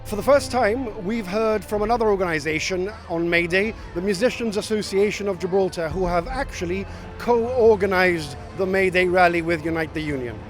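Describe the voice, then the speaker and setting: A male news reporter reads a scripted voice-over in a slow, high-pitched, measured way. Clear music plays underneath him.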